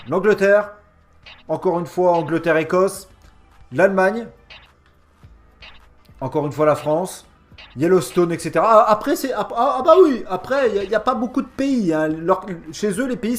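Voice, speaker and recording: A man hosting a casual, sarcastic game review in a mocking, slangy and emphatic manner. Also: high voice. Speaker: gaming video host.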